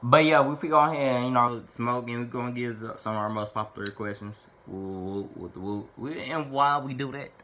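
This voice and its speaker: A medium-pitched man talks briskly with a sharp tone and hardly any pauses, over a little hiss or hum. He's a Little Rock, Arkansas man in his 20s doing a casual Q&A monologue to camera from a small bedroom, profanely and playfully rambling through fan questions.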